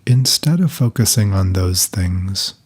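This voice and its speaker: In a soft, breathy, low-pitched voice, a man calmly guides a meditation. His instructions are gentle, and he leaves long pauses between them.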